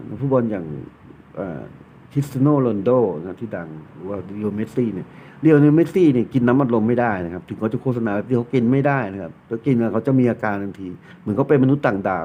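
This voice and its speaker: A man reading tarot cards, explaining a card in a casual, blunt and joking way, swearing freely. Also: medium pitch. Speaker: tarot reader. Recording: tinny phone-like sound, faint noise.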